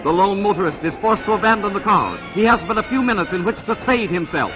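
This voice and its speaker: A man narrating an old 1940s newsreel in a dramatic, booming announcer style. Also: lively intonation, fast. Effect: old 1940s newsreel soundtrack. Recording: muffled old film sound under loud music.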